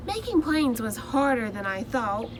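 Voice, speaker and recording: A woman reading the part of a timid male egg who tells his own story in soft, earnest first-person storybook narration. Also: a little high, big pitch swings, unhurried, background noise. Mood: hopeful.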